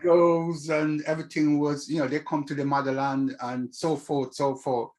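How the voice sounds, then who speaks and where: A man's voice: a little high, little pitch movement, normal speed, darkish tone, slight background noise. An older man with a Caribbean accent, talking reflectively as an interview guest about his own experience. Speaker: interview guest, community activist.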